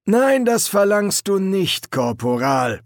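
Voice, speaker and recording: A man voicing a gruff male drill sergeant who barks commands at recruits, in an audiobook. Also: a little high, big pitch swings, a little slow, no echo, studio quality, voice pushed up. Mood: barking. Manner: barking, commanding.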